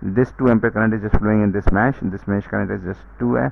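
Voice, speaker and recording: A man's voice: on the low side, steady tone, drawn-out words, creaky. A man giving a recorded university lecture, talking students through a circuit problem with many uh fillers. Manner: code-switching into English, frequent uh fillers, direct address to students. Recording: dull lo-fi.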